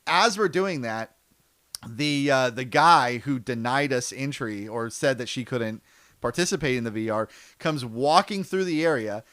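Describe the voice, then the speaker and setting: A man's voice: medium pitch, measured pace, no room sound. A man co-hosting a podcast, telling a story in casual chat and laughing often. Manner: animated storyteller, laughs often, acts out voices. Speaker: podcast co-host.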